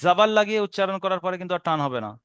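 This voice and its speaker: Male teacher, Bengali accent, smooth higher voice, dry close mic; slow patient explaining, drawn-out recitation of letter sounds. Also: animated, fairly bright tone, dry recording. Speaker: Quran reading teacher. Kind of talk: recorded lesson.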